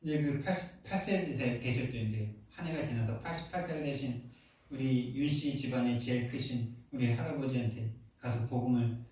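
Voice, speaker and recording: A man in his forties preaching a sermon as pastor, telling a story in an animated, heated way. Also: medium pitch, normal speed. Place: large echoey church hall. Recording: very echoey hall, distant mic.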